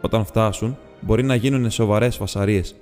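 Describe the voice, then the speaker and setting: A lowish, slightly mellow voice, near an everyday one, belongs to a man reading a polite, businesslike male hobbit burglar in an audiobook. His speech is courteous, precise and a little formal, set against long reverb and faint music.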